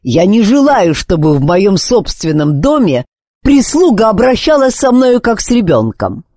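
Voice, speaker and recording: A man reading an audiobook voices a proud, quick-tempered aristocratic husband who speaks harshly and accusingly. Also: fairly high pitch, very animated, dark tone, slightly rough, no room sound, studio quality, full character voice. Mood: furious.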